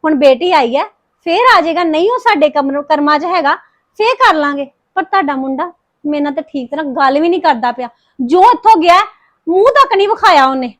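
A woman's voice: high-pitched, animated, a bit bright. An actress playing a grieving young wife who bitterly reproaches her mother-in-law, with a Punjabi accent. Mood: bitter, accusing. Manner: reproachful, accusing, rapid complaints. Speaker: daughter-in-law Harpreet. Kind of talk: emotional family drama acting.

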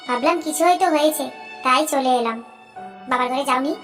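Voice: sits high, brisk, a bit bright, soft background music. A performer voicing a cautious, worried middle-aged mother in a cartoon, warning and sorrowful. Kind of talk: cartoon voice acting.

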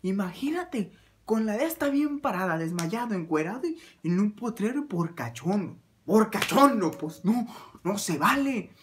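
A man with a Mexican accent telling a comic anecdote in a crude, slangy, animated way. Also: high voice, normal speed, slight background noise. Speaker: storyteller.

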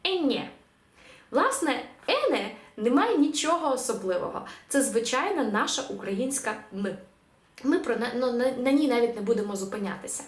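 A woman teaching a language lesson, her pitch lively and fairly high. She draws out each example word slowly and clearly before explaining it, and the room around her is echoey. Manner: clear, drawn-out pronunciation of example words.

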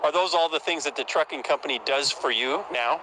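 A man's voice: on the high side, brisk, background noise. An older man reporting for TV news outdoors with a handheld mic, emphatic reporter cadence. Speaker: TV field reporter. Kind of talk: news report narration and interviewing. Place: outdoors at a truck yard. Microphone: handheld microphone.

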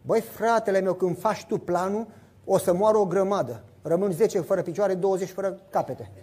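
A middle-aged man preaching a sermon, telling stories with lively acted-out voices and sound effects. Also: high-pitched, husky.

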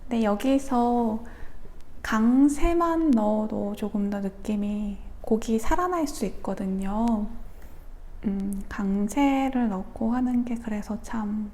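A woman giving a gentle, slow ukulele lesson, counting beats softly and sometimes in a half whisper. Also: on the high side, slight background noise. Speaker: ukulele teacher. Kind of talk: soft-spoken music lesson. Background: ukulele playing.

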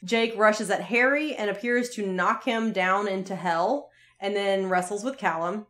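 A woman co-hosting a podcast, casually recapping a TV episode with animated retelling and frequent laughter. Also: medium pitch, unhurried. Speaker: podcast co-host.

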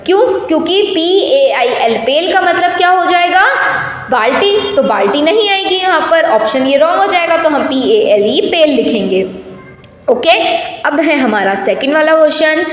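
A woman schoolteacher with an Indian English accent giving a lesson. She reads the English text slowly and explains it in Hindi, asking questions and answering them herself. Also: sits high, expressive. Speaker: school teacher. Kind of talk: classroom lesson. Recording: heavy echo, long room reverb.

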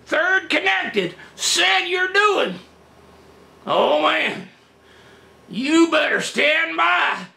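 A grizzled old frontier trader hollers in a thin, very high, gravelly squeak. His slow drawl swings widely up and down and cracks as he spreads gossip and warnings. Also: pushed and bright, echoey room, exaggerated voice. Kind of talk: comic character skit.

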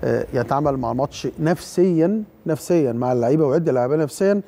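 A fast-talking Egyptian man with an Egyptian Arabic accent analyses a football match in a TV studio. His voice is slightly high and gravelly, with a dark, mellow tone, and he keeps restarting words and padding with fillers. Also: lively intonation. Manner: hesitant, many fillers and restarts.

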